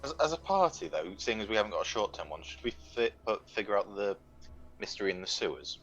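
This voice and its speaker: A man playing in a tabletop game, soft-spoken and tentative. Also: on the low side, sing-song, fast talker, lo-fi sound, soft background music. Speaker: player. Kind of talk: casual tabletop game chat.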